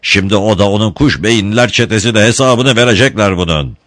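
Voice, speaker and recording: A man's voice: lowish voice, fairly quick, a bit bright, no room sound, clean studio sound, close to an everyday voice. A man voicing a cocky, hot-headed young gang leader who talks in a mocking, blustering way. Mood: sneering.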